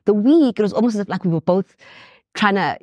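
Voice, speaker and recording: A woman's voice: mid-range voice, animated, fast, darkish tone, no echo. A woman guest telling a painful personal story in a heartfelt way. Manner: heartfelt, reliving painful memories.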